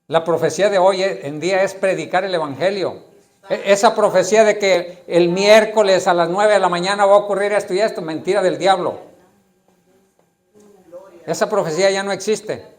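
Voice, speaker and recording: A man preaching a sermon with a notably high-pitched voice. He delivers it emphatically as a pastor, repeating his points and putting questions directly to the congregation. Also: moderate pace.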